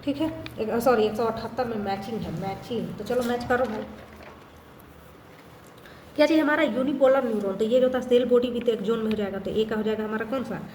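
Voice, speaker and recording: A woman teacher solving a test aloud in a casual way, reading statements slowly and then answering briskly, mixing in English terms. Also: on the high side, darkish tone, slight background noise. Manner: mixes English terms into her talk. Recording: echoey room with faint ambience.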